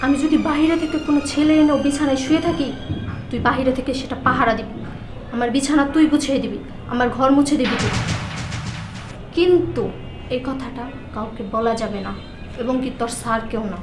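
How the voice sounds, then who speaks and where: A woman acts out a domineering, scheming wife in a melodramatic short film. Her voice sits extremely high and she scolds imperiously. The room echoes and music plays behind her. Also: quick pace, far from the mic. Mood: menacing, controlling. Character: scheming, bossy wife bullying her male servant.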